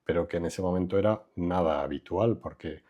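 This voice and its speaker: Here the interview guest is an older man from Madrid, Spain, an architect whose voice is low and husky. His manner is reflective and unhurried, and his sentences trail off with fillers. It's a relaxed conversational interview with lo-fi sound.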